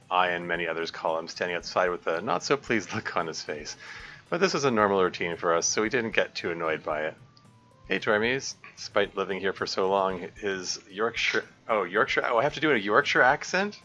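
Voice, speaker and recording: On a live stream, a deep-voiced man reads from a visual novel a little fast, with lively intonation and a sharp tone, breaking off frequently to fix mistakes and laugh. Faint music plays under the dull, low-fidelity audio.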